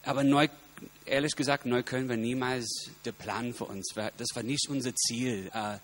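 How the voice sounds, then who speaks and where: A man with an American accent and English as his first language gives an informal personal talk, halting as he searches for words in a language not his own. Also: mid-range voice. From United States. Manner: halting, searching for words in non-native grammar. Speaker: guest speaker, singer-songwriter. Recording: steady electrical hum behind voice.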